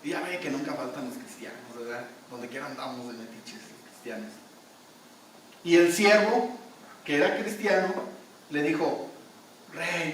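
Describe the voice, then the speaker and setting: Echoey preacher, emphatic. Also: male voice, mid-range voice, a little hiss or hum. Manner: emphatic, repeats phrases, tells anecdotes. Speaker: pastor. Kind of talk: sermon. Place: church hall. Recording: very echoey hall, mic far off.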